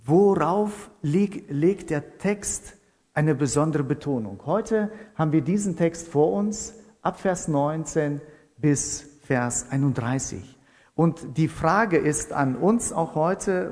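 A man preaching a sermon in a measured way, repeating key phrases for emphasis. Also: on the high side, darkish tone. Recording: long reverb in a hall.

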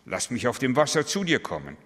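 A man's voice: mid-range voice, big pitch swings, brisk, a bit bright. Peter as a frightened disciple pleading urgently, as a male preacher reads him, his voice lifted. Long hall reverb trails each phrase.

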